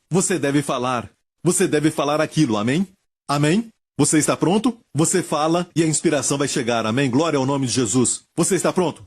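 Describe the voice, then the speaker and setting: A man's voice: a little high, a little mellow, breathy edge. A man preaching and leading prayer, fervent and repetitive, calling out healing commands. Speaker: pastor.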